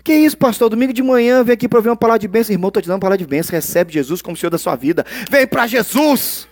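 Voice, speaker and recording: A man preaching a sermon as a pastor, animated, swinging from loud exclamations to hushed asides. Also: high voice, very fast, no room sound, clean studio sound.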